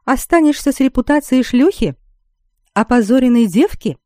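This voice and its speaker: A woman reader voicing a shrill, scolding older noblewoman who shrieks her insults. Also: expressive, moderate pace, warm tone, no room sound, clean studio sound, close to an everyday voice.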